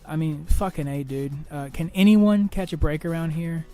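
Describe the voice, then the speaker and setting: A young man hosting a podcast, talking through personal troubles in a halting monologue full of restarts, fillers and swearing. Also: fairly high pitch, mellow, clear, resonant tone, soft background music. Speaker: podcast host.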